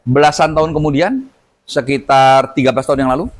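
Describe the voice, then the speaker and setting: Fast-talking middle-aged male healer. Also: medium pitch. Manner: animated storyteller acting out dialogue. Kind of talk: storytelling testimony.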